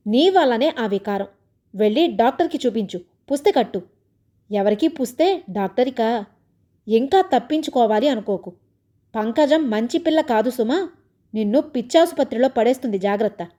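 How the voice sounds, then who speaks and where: A woman's voice: on the high side, expressive, normal speed, dark tone, lightly acted. A woman reading a grumbling sarcastic husband. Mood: scolding. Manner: sarcastic, complaining. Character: grumbling suspicious middle-aged husband, injured.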